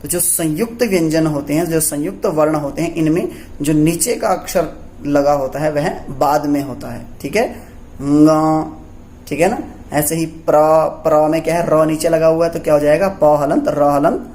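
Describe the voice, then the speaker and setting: A man's voice: fairly high pitch, fairly even intonation, normal speed, a little mellow. A man teaching a Sanskrit lesson for young pupils. He asks questions and answers them himself, checking in often as he goes. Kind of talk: classroom lesson explaining letters.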